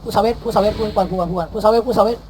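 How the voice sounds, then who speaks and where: A man calling shots in a game battle, barking rapid repeated commands and countdowns, mixing English callouts into his speech. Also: high voice, darkish tone, a little hiss or hum, low-quality recording. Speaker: guild war shotcaller. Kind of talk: live game commands over voice chat.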